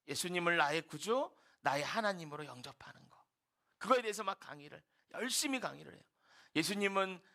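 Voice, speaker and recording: A male pastor preaching a sermon, telling a story with lively delivery and dropping to a whisper for quoted lines. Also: a little high. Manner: animated storytelling, quotes characters in hushed whispers. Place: church sanctuary.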